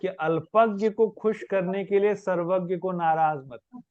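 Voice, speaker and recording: A man with a high voice leads a spiritual question-and-answer class. He explains patiently and reaches for everyday examples. The recording is dry and dull, with no room sound. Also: unhurried, a little mellow, dry recording. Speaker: spiritual teacher.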